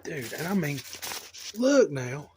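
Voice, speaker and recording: A middle-aged man hosting a casual chat in his home hobby shop, excitable and swearing a lot as he exclaims over things. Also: fairly high pitch, takes it slowly, slight background noise. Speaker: channel host.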